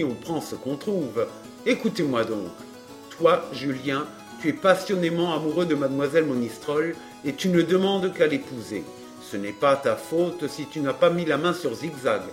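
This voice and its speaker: A man's voice: medium pitch, natural voice. A man reading the part of a breezy, wry rogue of a friend, offhand and dry, with faint music behind.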